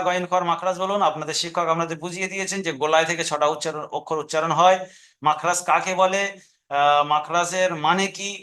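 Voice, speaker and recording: A man with an Indian Bengali accent teaching Quran reading in a recorded lesson, patiently repeating rules and spelling out letter sounds slowly. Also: sits high, fairly bright tone.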